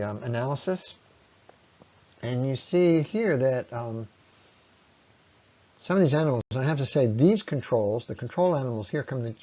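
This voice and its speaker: A lecturer presents explanatory slides, often pausing mid-sentence as he explains. His voice is medium-pitched and dark, with the highs cut off.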